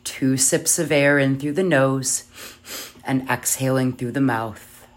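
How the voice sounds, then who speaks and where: A yoga nidra guide with a mid-pitched voice speaks very slowly and softly. The delivery is soothing and measured, leaving long pauses between short phrases. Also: steady tone. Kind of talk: guided meditation.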